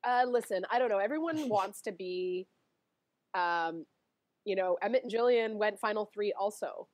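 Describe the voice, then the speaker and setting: A chatty woman talking as a guest, animated and full of laughs, jumping between thoughts and circling back. Her voice sits in a middling pitch. The recording is dry, with no room sound. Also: moderate pace, no echo. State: allergies, sniffly. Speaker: guest, former reality show contestant. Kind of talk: casual chat.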